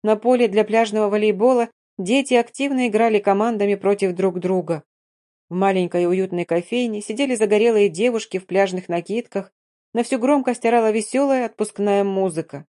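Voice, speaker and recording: A woman narrating a first-person audiobook in a calm, even reading voice. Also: mid-range voice, fairly quick.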